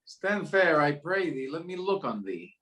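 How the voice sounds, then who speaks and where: A man's voice: a little high, sing-song, a little slow, fairly bright tone. A man playing a noble, defiant warrior prince in formal, declamatory Shakespearean stage acting.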